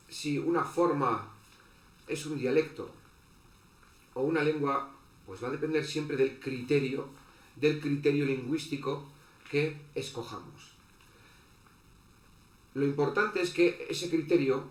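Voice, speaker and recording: A man giving an online lecture as a teacher, halting, with many fillers and restarts. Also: medium pitch. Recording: echoey room with faint background noise.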